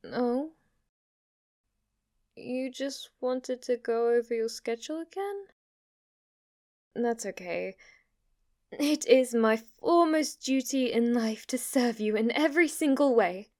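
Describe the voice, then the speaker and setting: In an intimate ASMR roleplay, a woman plays an obsessive demon maid who flirts with and submits to her master, worshipping him with fanatical devotion and sometimes drifting into breathy whispers. She sounds flirty and delighted, slightly high and darkish, speaking slowly with many pauses.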